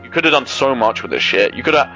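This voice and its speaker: Young man, gaming host, casual rambling rant, lots of swearing, mid-pitched voice, faint music behind. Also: expressive, fast, sharp tone. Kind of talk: casual chat over gameplay.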